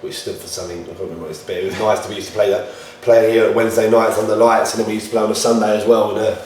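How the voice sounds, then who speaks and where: A football player swaps anecdotes in a matey, casual group chat, his lowish voice level-toned, rapid-fire and a little mellow. The mic is distant in a very echoey indoor room, with faint noise.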